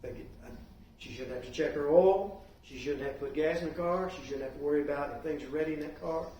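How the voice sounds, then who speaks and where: A middle-aged man, teaching a church class in a lively, joking way and prodding the class with questions. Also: on the high side, quick pace, muffled recording. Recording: echoey room, distant mic, faint hiss.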